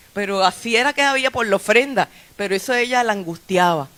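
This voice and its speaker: A woman pastor delivers a sermon in a relaxed, conversational way. Her pitch sits in a middle range for a woman. She often restarts her phrases as she talks to her congregation. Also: brisk. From Puerto Rico. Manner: conversational preaching with frequent restarts and light laughs. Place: church sanctuary.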